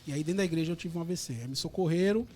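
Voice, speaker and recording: A Brazilian man guest recounting his own story in a radio studio, animated and repetitive. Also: on the high side, racing, soft background music. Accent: Brazilian Portuguese.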